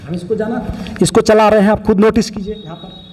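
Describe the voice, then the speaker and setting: A man's voice: high voice, fairly even intonation, fairly quick, darkish tone, slightly rough, big-room sound. A man teaching biology, pointing out other teachers' mistakes in a critical, explaining way. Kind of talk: online lesson commentary.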